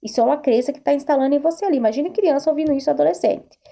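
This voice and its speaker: A woman's voice: high voice, rapid-fire, gravelly, mellow. A woman therapist giving an earnest self-help talk to camera, repeating herself and asking rhetorical questions. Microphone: recorded video to camera.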